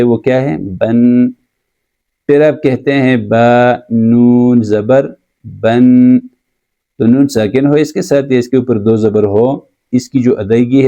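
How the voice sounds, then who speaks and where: A man teaching a recorded lesson on Quran recitation rules, explaining terms patiently and repeating them slowly. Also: mid-range voice, dark tone.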